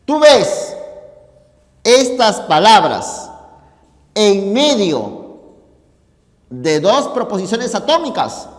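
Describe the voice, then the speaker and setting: A man's voice: high voice, sing-song, very slow, pauses often. A male teacher with a Peruvian Spanish accent giving a classroom lecture, emphatic and often asking students if they follow. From Peru. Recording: hall reverb in classroom.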